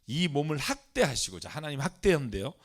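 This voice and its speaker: A man's voice: a little high, a little fast. A male pastor leading a Bible study lecture, emphatic and speaking straight to his listeners. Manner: animated, emphatic, speaks directly to the audience.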